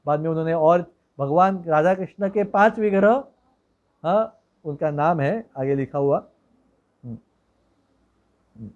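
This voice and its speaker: A man preaching a devotional story in a relaxed, conversational way, with digressions and hmm fillers. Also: on the high side, normal speed, muffled recording.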